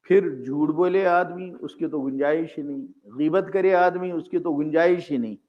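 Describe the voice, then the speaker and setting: A man's voice: fairly high pitch, moderate pace. Older man preaching in a mosque, muffled. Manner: earnest, explanatory, weaving Arabic recitations into Hindustani teaching. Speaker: Islamic scholar and preacher. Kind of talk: sermon. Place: mosque gathering. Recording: dull, muffled lo-fi recording.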